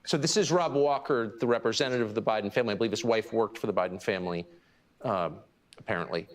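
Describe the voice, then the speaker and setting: A man interviewing a guest on television, asking probing questions in a measured way. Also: on the low side.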